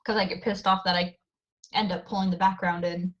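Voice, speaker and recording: A woman's voice: on the low side, flat delivery, fairly quick, fairly bright tone, muffled recording. A woman with a stuffy, runny nose chatting casually with a friend, giggling often. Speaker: friend keeping the streamer company. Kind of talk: casual chat.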